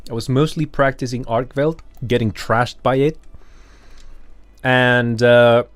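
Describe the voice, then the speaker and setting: A man talks to his stream chat while he plays, his voice sitting at an ordinary middle pitch. He rambles along casually, drops curse words without a second thought, and laughs at himself as he goes. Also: steady tone, takes it slowly, dry recording. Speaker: game streamer.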